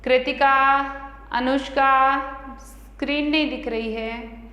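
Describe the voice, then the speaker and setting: Slow, high-voiced Indian woman teaching English. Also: steady tone, fairly bright tone. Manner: slow, drilling pronunciation, repeating words for children. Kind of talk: online class lesson. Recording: echoey room with long reverb.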